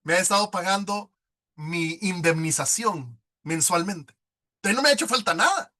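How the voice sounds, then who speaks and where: Middle-aged guy, faith testimony, bright ringing voice a bit high. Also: expressive, normal speed. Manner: emotional storytelling, acts out past dialogue. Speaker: testimony speaker at a prayer group.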